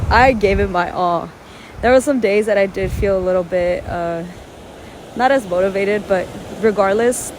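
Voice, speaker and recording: Speaking in a mid-range voice, a native Spanish-speaking woman vlogs from the beach, talking casually and earnestly to the camera with plenty of fillers. The outdoor recording is noisy, dominated by loud waves.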